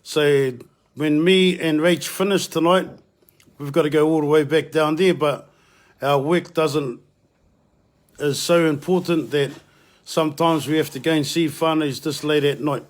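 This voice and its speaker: Higher-voiced New Zealand man, Māori English accent. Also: steady tone. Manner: informal and halting, with Māori words mixed in. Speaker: community housing helper hosting a live video. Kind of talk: casual live vlog talk.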